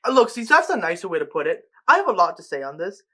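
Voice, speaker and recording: A man's voice: high voice, big pitch swings, fast talker, pushed and bright, slightly rough. A man co-hosting a casual sports podcast, ranting with lots of fillers and restarts. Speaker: podcast co-host.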